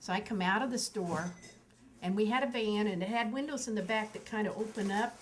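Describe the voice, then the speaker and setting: Speaking a little fast in a medium-pitched voice, a mother of eleven in her later years shares lively family anecdotes, often laughing and performing the kids' lines in their voices. The rough recording carries some hiss or hum.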